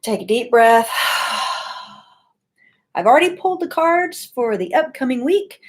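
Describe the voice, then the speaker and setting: A woman's voice: sits high, big pitch swings, a little fast, slightly rough. A woman giving a casual weekly oracle card reading from her home office, chatty and full of ums and asides. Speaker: tarot and oracle card reader.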